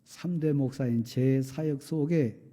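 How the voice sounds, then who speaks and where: A middle-aged male pastor preaching a sermon, firing off rhetorical questions and sometimes dropping to a soft confessional tone. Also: medium pitch, unhurried. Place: church sanctuary.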